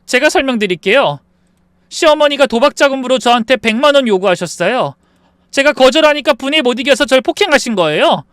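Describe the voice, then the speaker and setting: A man voicing an angry young wife who shouts back and then firmly explains to the police. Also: extremely high pitch, animated, fairly quick, clean tone, dry recording, studio quality, voice pushed up, full character voice. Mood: firm explaining. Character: angry young wife standing her ground.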